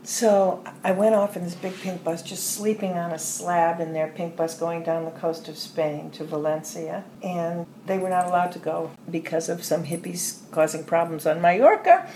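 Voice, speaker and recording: An older woman recounts her life in long, meandering anecdotes, often trailing off softly. Her voice sits a little low, and the room gives it a noticeable echo over a faint background hiss. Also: moderate pace, hardly any pauses. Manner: rambling anecdotes with soft trailing asides and laughs. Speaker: interview guest. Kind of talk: storytelling in a podcast interview. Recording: roomy echo with faint ambient noise.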